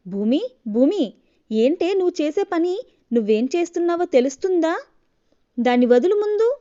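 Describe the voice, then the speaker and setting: An exasperated young husband who keeps scolding his TV-obsessed wife in a raised, clipped voice, as a woman storyteller puts him on. The voice sits fairly high and warm, heard through a dull lo-fi recording of an audio storybook. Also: normal speed, lightly acted.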